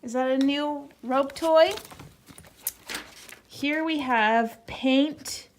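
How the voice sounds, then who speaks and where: A woman's voice: high-pitched, drawn-out words. A woman talking playfully to her dog as she unboxes a pet box at home, coaxing and laughing often, over a noisy home recording. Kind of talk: casual vlog talk to her dog.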